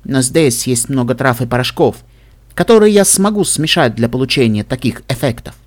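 A man voicing a wounded female zebra alchemist who speaks slowly and soothingly. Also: medium pitch, animated, close to an everyday voice. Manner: slow, soothing.

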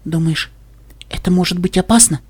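A timid female pegasus who talks softly and gently, as a male reader voices her. His husky voice is raised well above his narration. It comes from an audiobook of a pony adventure. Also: high voice, normal speed, voice pushed up. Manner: soft, timid.

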